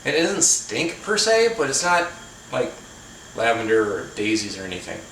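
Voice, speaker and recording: A man's voice: mid-range voice, big pitch swings, normal speed, a bit bright. A man hosting his own cooking channel from his home kitchen, talking casually with dry, self-deprecating jokes and chatty asides. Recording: very echoey room, mic at a distance, faint noise.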